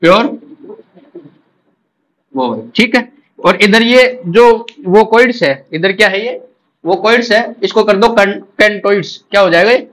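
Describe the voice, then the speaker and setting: Indian male teacher, high voice, drilling exam questions. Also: moderate pace, a bit bright, low-quality recording. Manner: drills with repeated questions and answers. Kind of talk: exam-prep lecture.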